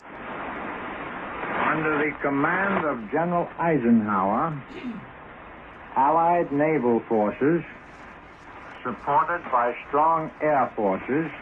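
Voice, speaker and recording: A man with a fairly high voice reads a formal military announcement in a slow, measured way. His voice comes through a crackly 1940s shortwave radio broadcast. Thin, narrow sound and heavy static sit over every word. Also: animated. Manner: slow, measured official delivery. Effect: staticky old 1940s radio broadcast. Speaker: military spokesman reading a bulletin.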